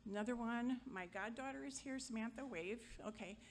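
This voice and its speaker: A middle-aged woman giving an informal memorial eulogy, chatty and wry, joking with the crowd and sometimes halting. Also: a little high, a little hiss or hum. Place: gathering hall at a memorial.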